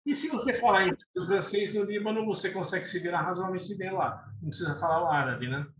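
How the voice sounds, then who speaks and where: Chatty man, bright voice. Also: high voice, quick pace, slight background noise. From Lebanon. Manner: chatty, laughs often, self-correcting. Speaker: guest. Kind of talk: casual interview chat. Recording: echoey room, dull lo-fi sound.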